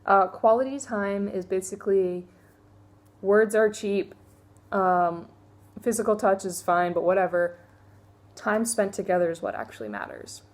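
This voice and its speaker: Young woman, casual vlog book review, mid-pitched, candid and chatty with frequent fillers. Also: lively intonation, a little slow.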